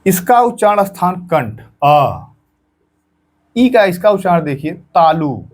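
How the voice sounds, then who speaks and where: A man with a fairly high voice teaches an exam-prep grammar lesson. He speaks patiently, voicing each sound himself and going over it again for his students. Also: animated, moderate pace, darkish tone. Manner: patient, repeats sounds aloud and drills students.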